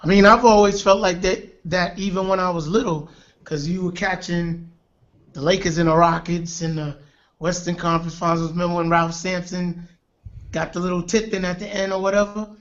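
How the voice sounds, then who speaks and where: Call-in guest, man from New York, high voice, confident, choppy dull audio. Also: steady tone, moderate pace, fairly bright tone. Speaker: guest, former basketball player. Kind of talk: casual sports commentary.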